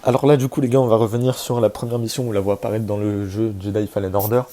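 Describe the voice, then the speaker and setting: A man's voice: lowish voice, level tone, fast, mellow. A man hosting a casual video, chatty and hesitant with many fillers and joking asides, over faint background music. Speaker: YouTube host presenting a game character.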